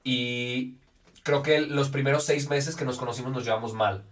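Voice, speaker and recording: A man's voice: mid-range voice, steady tone, moderate pace. A young man with a Mexican accent tells stories and pokes fun at himself in casual chat. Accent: Mexican Spanish. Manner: self-mocking storyteller. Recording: distant mic.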